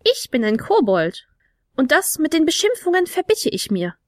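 A tiny male goblin with a squeaky, high-pitched voice, put on by a woman reading aloud. He talks in an indignant, bossy way and is quick to take offence. The sound is dry and close, like a storybook read into a mic. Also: big pitch swings, dry recording. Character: squeaky little male goblin, prickly and proud.

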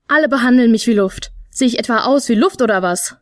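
A cranky, easily offended little dwarf-giant man grumbles and huffs, voiced by a woman reading a storybook. The voice sits fairly high. The sound is dry and close. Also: fairly quick, dry recording, close to an everyday voice. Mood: indignant. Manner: huffy, indignant complaining. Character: grumpy touchy little male dwarf-giant.

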